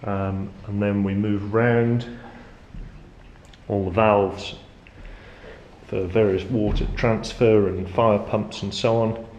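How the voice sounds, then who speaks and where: A man with a low-pitched voice gives an informal guided tour, explaining as he goes. His intonation stays very flat. The sound is echoey, as in a metal-walled engine room, with a faint background noise. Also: takes it slowly, lo-fi sound. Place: inside a ship's engine room.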